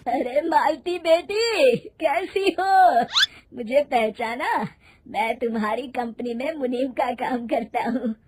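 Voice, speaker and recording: A woman's voice: high voice, slow, background noise. A woman voicing a kindly, worried old male clerk with an avuncular, complaining manner in a moral story. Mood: friendly greeting. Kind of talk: moral story character acting.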